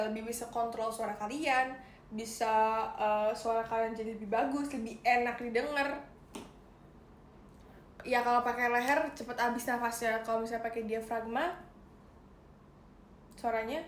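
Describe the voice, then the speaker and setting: A young woman hosting a casual livestream, chatting playfully with viewers and giving singing tips. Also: on the high side. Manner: chatty, playful, addresses viewers as guys, sings short demo lines. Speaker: idol livestream host. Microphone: phone livestream. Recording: roomy echo, faint background noise.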